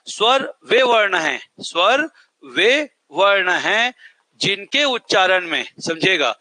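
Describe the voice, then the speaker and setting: A man's voice: high-pitched, pushed and bright, dry recording. A man teaching a class in a lecture style, repeating points and quizzing students who answer back. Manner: repetitive, quizzing, drills answers. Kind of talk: classroom lecture with call-and-response questions.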